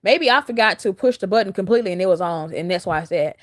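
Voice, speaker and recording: A woman's voice: mid-range voice, lively intonation, fast talker. A woman talking straight to her viewers in a rambling, earnest and encouraging way, as a spiritual coach. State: close to tears. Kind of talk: casual heartfelt monologue to camera.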